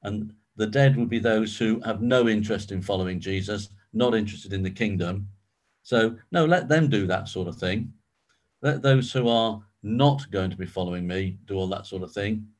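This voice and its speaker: A man's voice: lowish voice, normal speed. A man leading a Bible study, explaining in a conversational way with frequent ums and restarts. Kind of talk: informal teaching talk.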